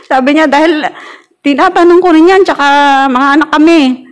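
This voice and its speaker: A woman's voice: sits high, moderate pace. A middle-aged woman sharing a personal testimony in a church group, chatty and laughing often as she acts out quoted arguments.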